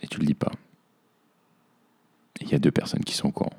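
A man's voice: quick pace, darkish tone. A young man hosting a podcast, speaking in a reflective personal monologue and talking to himself as "tu". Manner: introspective, addresses himself as "tu". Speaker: podcast host.

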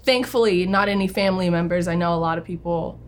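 A young woman from New Orleans chats as a guest on an interview show. She sounds friendly and a little giggly, sometimes pausing to find her words. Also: fairly low pitch, slight background noise. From New Orleans, United States. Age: young adult. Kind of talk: casual interview chat.

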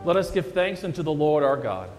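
A man's voice: on the high side, big pitch swings, brisk, over loud music. A man leading the communion liturgy as pastor, solemn and formal, his voice carrying a long echo through a large church. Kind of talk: chanting and speaking the communion liturgy. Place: church sanctuary.

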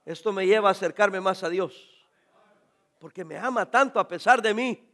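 A male pastor with a strikingly high voice delivers an animated sermon at a moderate pace. He addresses his congregation directly, firing questions at them and now and then bursting into sudden loud shouts.

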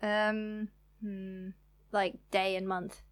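A woman's voice: medium pitch, flat delivery, extremely slow, dry recording, studio quality. A female podcast co-host chatting casually, mostly with short, amused reactions. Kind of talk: casual chat.

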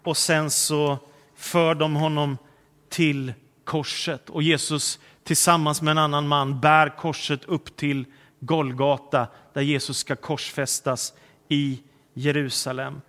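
Man, preacher, higher voice, bright tone, storytelling sermon, long echo of a big hall. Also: little pitch movement. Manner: storytelling, slows and softens on solemn words. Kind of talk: sermon retelling the Passion.

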